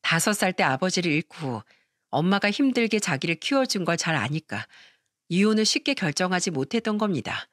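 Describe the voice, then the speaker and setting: A woman narrating a first-person story in a calm, steady, confiding way. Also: on the low side, a little fast, no room sound, studio quality.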